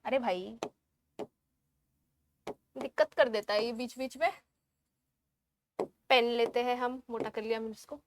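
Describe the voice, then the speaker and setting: A woman teaching biology in an online exam-prep lecture, spelling out terms slowly and checking in with the class while she writes on screen. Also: a little high, fairly even intonation, a little hiss or hum.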